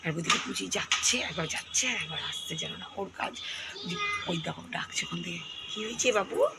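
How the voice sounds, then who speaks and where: A woman's voice: on the low side, animated, a little fast, gravelly, very noisy. A woman with a Bengali accent chatting casually to viewers in a home vlog, often cooing to a small child as she does chores. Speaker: lifestyle vlogger. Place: home balcony and rooms. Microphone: phone camera.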